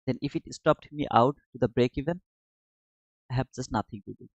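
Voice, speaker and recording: Briskly and in a mid-range voice, the trading streamer from Bangladesh remarks on his live chart and responds to the chat. The recording sounds dull, lo-fi and dry, with no room sound.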